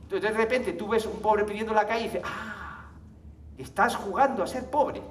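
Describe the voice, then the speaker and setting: A man with a high voice speaks at normal speed while giving a live conference talk, chatting, laughing, and often checking in through tag questions. Recorded by a far-off mic in an echoey hall, the clip has slight background noise.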